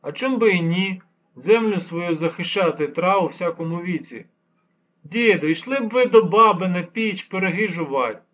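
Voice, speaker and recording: Young male palace guards, impatient and dismissive, talking down to a pestering old man, as a man reads them out. The voice sits high and loud over a husky tone, in a dull lo-fi recording. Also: animated, normal speed. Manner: dismissive, then angry shouting.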